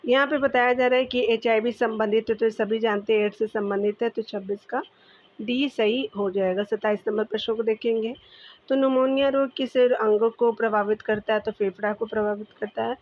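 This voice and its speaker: Woman teacher with a Bihari Hindi accent and a slightly high voice, walking calmly through exam answers on a muffled lo-fi recording. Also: moderate pace. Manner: steady, repetitive, addresses viewers as dear. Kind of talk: exam quiz answer walkthrough. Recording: dull lo-fi recording.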